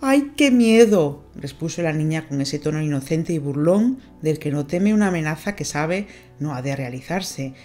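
A woman narrating an audiobook, reading a novel in a measured, expressive way. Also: low voice, soft background music.

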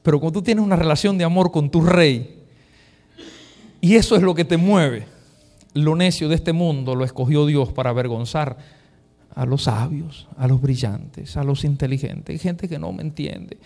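Animated high-voiced male preacher. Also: normal speed. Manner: animated storytelling, acting out quoted voices; drops to a hushed near-whisper for emphasis. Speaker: pastor. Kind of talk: sermon.

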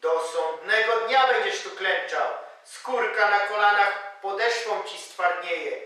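A man voicing a male devil who taunts a sinner slowly and gloatingly, in a stage reading of a play. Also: high voice, pushed and bright, full character voice. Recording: echoey hall from far off.

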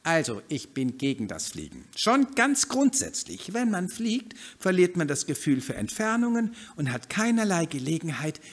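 A man's voice: on the high side, huge pitch swings, moderate pace, hardly any pauses, slightly rough, pitched above the performer's own voice, heavily acted. A man voicing a lame, cautious duck on a walking stick, with a raised, fussy, prim voice and a pedantic, long-winded manner in a read-aloud storybook.

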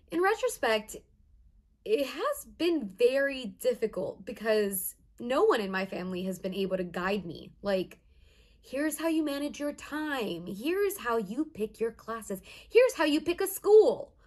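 In this emotive, conversational dramatized monologue, a young woman takes on the role of an earnest first-generation college student. She speaks with a fairly high pitch and pauses hesitantly as she goes.

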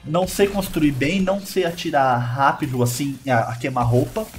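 A man with a Brazilian Portuguese accent, hosting a gaming video and commentating his matches casually, quick to exclaim and laugh at his own plays. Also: fairly high pitch, soft background music.

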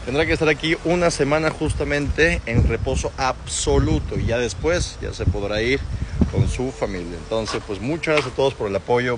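A man, an animal rescuer, talks to his viewers and coos affectionately at dogs in a vlog. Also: mid-range voice. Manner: affectionate baby talk to animals. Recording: noisy background with dogs. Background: dogs, clicks.

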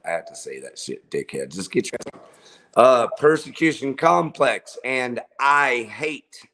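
Man, very low voice, unhurried delivery, rambling, profane, casual livestream host. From Texas. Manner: rambling and profane, with filler words. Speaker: host of a local music video show. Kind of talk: casual livestream chat, promoting bands and shows.

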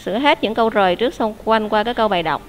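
A woman's voice: medium pitch, lively intonation, very fast. A woman teacher, leading an online English class, explaining answers patiently and quizzing her students.

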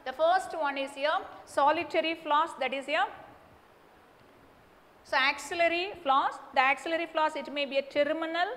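A woman's voice: high voice, a little fast, fairly bright tone. A middle-aged woman with a South Indian Tamil accent, a native Tamil speaker, teaching a classroom lesson that mixes English and Tamil, repeating points emphatically with frequent check-in words. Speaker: botany teacher. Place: indoor teaching studio beside a display board. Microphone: lapel mic. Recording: echoey room with clear background noise.

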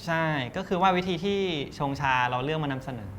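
A man's voice: on the high side, a little fast, fairly bright tone, a little hiss or hum. Young man explaining his craft, chatty. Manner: explains step by step, loose and chatty. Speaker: tea cafe co-owner. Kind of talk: casual interview.

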